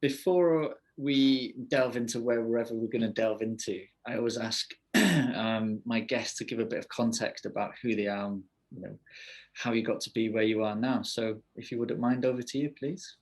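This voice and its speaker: A man's voice: medium pitch, fairly even intonation, moderate pace. A man hosting a podcast interview, casual and easygoing, with frequent hesitations. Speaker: podcast host.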